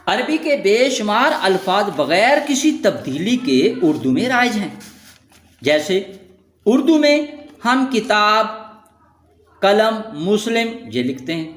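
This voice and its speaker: A man teaching a lesson in scripted narration, reading out lists of words slowly and stressing each one. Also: high voice, fairly bright tone, echoey room. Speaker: Quranic Arabic teacher.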